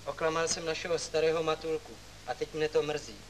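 A man's voice: fairly high pitch, little pitch movement, slight background noise, close to an everyday voice, low-quality recording. An actor playing a young male student who stammers and pleads, pretending to be ill, on an old film soundtrack. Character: young male student faking a nervous fit.

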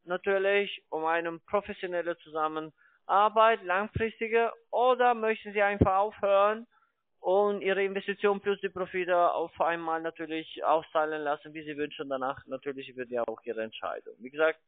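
This is a phone sales pitch from a call centre investment salesman whose voice is on the higher side. He keeps a steady tone and moderate pace but rambles, repeats himself and trips over words, not being a native German speaker. The dry, band-limited phone audio has no room sound.

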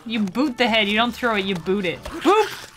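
A woman streaming a video game with casual, playful, excitable commentary to her chat, often exclaiming and giggling. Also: a little high, moderate pace, faint music behind.

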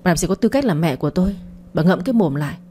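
A woman voicing a bitter, spiteful young woman who hurls insults fast. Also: on the low side, expressive, warm tone, husky. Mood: furious.

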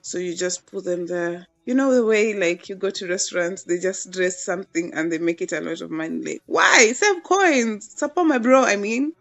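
A woman's voice: mid-range voice, moderate pace, hardly any pauses, lo-fi sound, soft background music. A young woman in her twenties chatting casually as she narrates a home cooking demo, playful and gushing about the food. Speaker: cooking vlogger.

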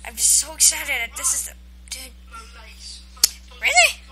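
Excitable woman gamer, high bright voice, live play commentary. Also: unhurried, low-quality recording. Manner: excitable, yelling and laughing at the game.

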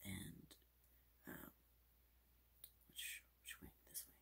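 A young man hosting fast, chaotic ASMR, rambling playfully and casually as he slips between whispering and soft talking. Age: young adult. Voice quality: breathy, often whispered. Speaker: ASMR video host. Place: small home room, indoors.

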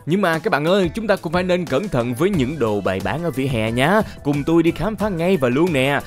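A man narrating a food-safety top-list video in an energetic, chatty way, exclaiming and talking straight to viewers. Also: fairly high pitch, brisk. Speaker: channel narrator. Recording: voice-over with loud background music.

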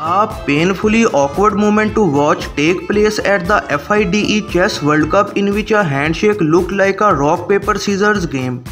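A man with a high-pitched voice reads scripted commentary as a video narrator. Faint music plays underneath him throughout. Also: moderate pace, hardly any pauses, fairly bright tone. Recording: voice-over with music bed. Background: background music.

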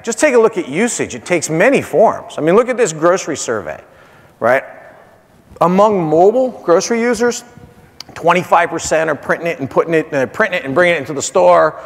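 On a large indoor hotel conference stage, a marketing executive in his forties delivers a keynote in punchy short phrases, repeating key points and checking in with "right?". His voice sits on the high side, expressive and brisk. The hall is reverberant.

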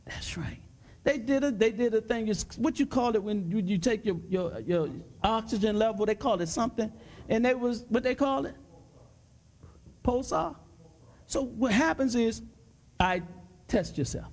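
A man, a pastor, preaching fervently in a panel discussion and repeating his points with rising excitement. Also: high voice, moderate pace, long pauses. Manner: fervent, repetitive exhortation; gets excited and loud.

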